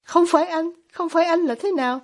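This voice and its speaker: A woman voicing an intense, tormented young man with sharp outbursts and stammered questions, read as an audiobook. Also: a little high, animated, moderate pace. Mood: agitated. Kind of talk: audiobook reading of dialogue.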